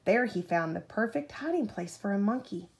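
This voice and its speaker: At bedtime, a mother with a gravelly, medium-pitched voice reads a children's story aloud with animation. Now and then she pauses to ask the child questions.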